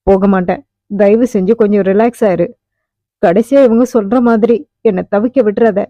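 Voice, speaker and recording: A woman's voice: medium pitch, moderate pace, warm tone, no echo, close to an everyday voice. A woman voicing an anguished young husband who pleads at a hospital bedside and turns fierce when angered, on a dull, dry recording. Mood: pleading. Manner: pleading then commanding. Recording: dull, muffled audiobook recording.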